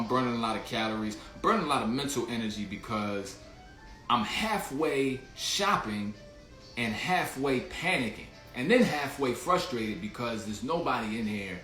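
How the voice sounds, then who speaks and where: A man's voice: medium pitch, fairly bright tone, echoey room. A man hosting a casual livestream, telling a rambling story full of slang and restarts while greeting viewers in the chat. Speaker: livestream host.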